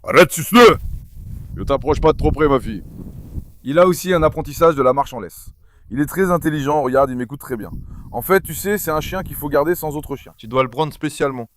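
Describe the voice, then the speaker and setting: A man's voice: on the high side, brisk, a little hiss or hum. A man talking casually to camera while handling his dogs on a farm, coaxing and calling them. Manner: coaxing, calls dogs repeatedly. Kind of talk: casual vlog talk to camera. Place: outdoors on a farm with animals.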